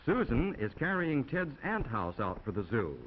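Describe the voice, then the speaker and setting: The narrator is an American man with a medium-pitched, sing-song voice and a moderate pace. Folksy and instructive, he tells a 1950s classroom film's story with chatty asides to young viewers. The 1950 film soundtrack is dull and noisy.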